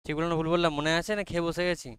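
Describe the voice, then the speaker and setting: A male teacher giving a lecture, dictating notes slowly, spelling words out letter by letter and often asking whether students have understood. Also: fairly high pitch, level tone, fairly bright tone, clean tone, dry recording, studio quality. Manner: checks understanding with frequent questions and spells words aloud letter by letter; dictates notes slowly, correcting himself as he goes. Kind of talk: classroom lecture.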